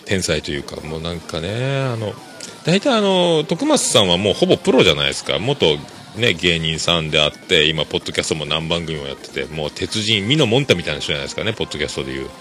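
A man hosting a casual solo podcast, talking chattily and enthusiastically and laughing softly between remarks. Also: low voice, very animated, fast, slight background noise. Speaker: podcast host.

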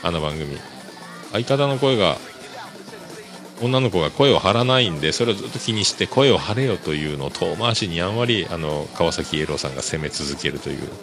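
A man with a low, animated voice from Kyushu, Japan hosts a casual solo podcast, talking briskly and wandering with plenty of fillers. Clear music sits under his voice.

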